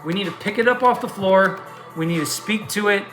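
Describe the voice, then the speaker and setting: A man with a high, bright, forceful voice delivers an improvised spiritual card reading. He speaks like an emphatic preacher addressing followers, pressing points home and checking in with short tags. Faint music plays behind him. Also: fairly quick. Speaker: online tarot card reader.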